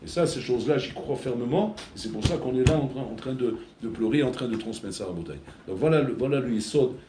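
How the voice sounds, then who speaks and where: A man's voice: mid-range voice, lively intonation, fast, noisy background. Man, rabbi, sermon, storytelling, repeats words while thinking, echoey space, faint background ambience. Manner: storytelling, repeats words while searching, keeps addressing listeners.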